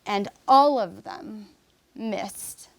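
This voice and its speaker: A woman of average pitch, speaking as a guest on a podcast. She recounts her story in an earnest, measured way, often pausing, restarting sentences and filling gaps with "um". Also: creaky. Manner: halting, with restarts and fillers. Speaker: interview guest. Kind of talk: personal story in a podcast interview.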